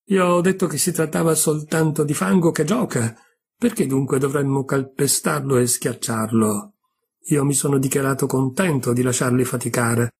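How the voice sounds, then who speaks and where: A man's voice: medium pitch, steady tone, moderate pace, vocal fry, breathy edge. A man reading aloud as an embarrassed, hesitant elephant-headed god in a storybook tale. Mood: sheepish.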